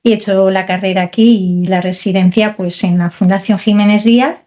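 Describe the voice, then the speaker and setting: A Portuguese thoracic surgeon in her forties answers interview questions as a guest, speaking at a normal speed in a medium-pitched, steady, dark-toned voice. She explains things hesitantly, with many fillers and restarts, and the sound is lo-fi.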